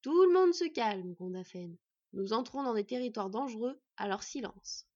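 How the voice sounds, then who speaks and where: A woman's voice: mid-range voice, normal speed, no echo, lightly acted. A woman voicing a stern, commanding wolf woman who leads the group. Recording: dull lo-fi recording.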